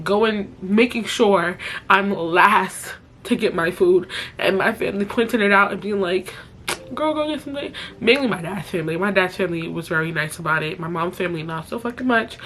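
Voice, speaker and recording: A young woman talks straight into a close camera, her voice thick and stuffy from crying. She keeps her voice low but stays blunt and profane as she vents. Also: a little hiss or hum. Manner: speaks softly while crying. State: tearful, stuffy nose. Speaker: influencer. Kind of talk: emotional confessional vlog.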